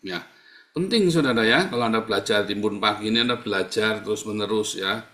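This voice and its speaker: A man's voice: on the low side, fairly quick, a bit bright. Middle-aged guy preaching live, repeats himself a lot, echoey room. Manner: preachy, repetitive, addresses listeners as "saudara". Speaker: pastor. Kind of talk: live-streamed sermon.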